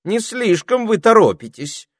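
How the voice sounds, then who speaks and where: A man's voice: sits high, very animated, measured pace, dry recording, studio quality, voice pushed up, heavily acted. A man voicing a vain, sulky female spider housekeeper in an audiobook, plaintive and reproachful. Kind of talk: audiobook character voice.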